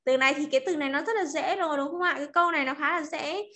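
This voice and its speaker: A woman with a Vietnamese accent teaching English pronunciation in an online class, chatting in Vietnamese and drawing out model sentences slowly. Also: high voice, sharp tone.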